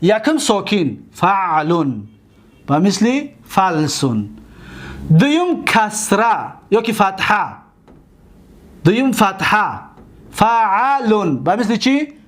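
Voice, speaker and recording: Tajik-accented male teacher, lively melodic delivery, stretches out example words. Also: high voice. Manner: slow, drawn-out on example words; questions the listeners and answers himself. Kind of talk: grammar lesson.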